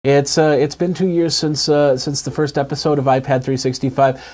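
His pitch sits fairly high, though his delivery is flat, his tone darkish, and his speed normal. The man hosts an app review web show, giving a casual, informal tutorial that goes step by step, recorded with a lapel mic in a small indoor home studio.

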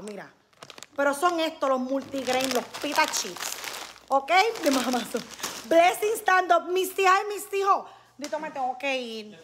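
A woman hosting a casual live stream, chatting lively with her viewers and calling them nena. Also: sits high, a little hiss or hum.

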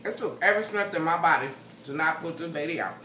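A woman's voice: low-pitched, animated, fast talker, sharp tone. An American woman in a casual mukbang chat, chewing while she talks as she eats. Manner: chewing while talking, eating salad. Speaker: mukbang host. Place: indoor room at a table. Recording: roomy echo, faint background noise.

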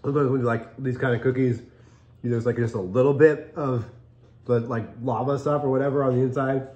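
A man's voice: medium pitch, fairly even intonation, a little fast, a little mellow. A middle-aged American man, a dad co-hosting a casual cookie review, chatting upbeat while he eats. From United States. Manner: chatty, upbeat, chewing and tasting between lines. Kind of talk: casual chat. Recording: echoey room, dull lo-fi sound.

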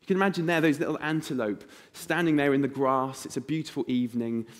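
A man preaching a sermon in church, telling vivid stories and acting out voices in a hushed tone. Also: medium pitch, fast talker.

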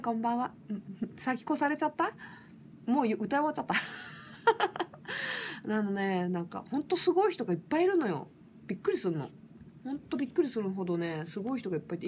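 A woman singer from Fukushima chatting casually and roughly on a late-night livestream, laughing often. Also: medium pitch, a little hiss or hum. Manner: lively, rough casual speech with frequent laughs.

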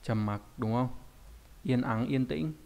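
A man's voice: medium pitch, slow pace, creaky, mellow, smooth. Man teaching kanji. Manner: explains patiently, often asks rhetorical check questions. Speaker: Japanese language teacher. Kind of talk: recorded online lesson.

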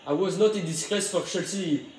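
A man joking and chatting excitedly while he plays a football video game. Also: sits high, moderate pace, slight background noise. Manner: jokey, excitable, rambling asides. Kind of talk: casual gameplay commentary. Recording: echoey room.

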